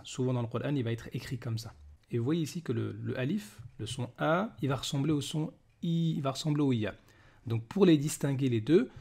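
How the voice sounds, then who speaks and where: Patient gravelly man syllables. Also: mid-range voice, darkish tone. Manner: patient, repeats syllables slowly for learners. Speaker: Arabic reading teacher. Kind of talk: recorded reading lesson.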